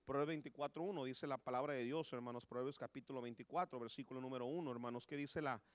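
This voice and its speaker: A man's voice: medium pitch, fairly even intonation, fast talker, no echo. A man with a Mexican Spanish accent preaching a sermon in church, impassioned and repeating "hermano" again and again. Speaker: pastor. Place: church sanctuary.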